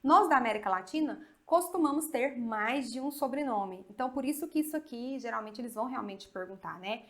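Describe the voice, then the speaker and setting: A woman from Brazil teaching an English lesson. She spells letters slowly, speeds up when she explains, and keeps checking in with her students. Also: a little high, lively intonation. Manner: slow spelling drills with frequent "tá?" check-ins. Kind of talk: video lesson.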